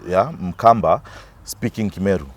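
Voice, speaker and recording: A man's voice: sits low, a little slow. A Kenyan man, an actor as an interview guest, telling stories and often repeating and restarting words. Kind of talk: storytelling interview.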